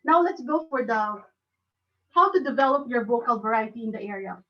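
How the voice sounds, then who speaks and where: A woman with a Filipino accent giving a club talk on speaking, halting and restarting often. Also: fairly high pitch, lively intonation, distant mic, highs cut off. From Philippines. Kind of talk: educational talk.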